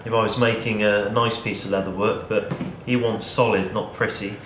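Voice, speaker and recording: A man in his thirties with a lowish voice talks through a hands-on craft task, relaxed and practical, as if chatting while he works. He is recorded in an echoey workshop with a steady layer of background noise. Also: moderate pace. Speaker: bushcraft channel host. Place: cluttered indoor workshop.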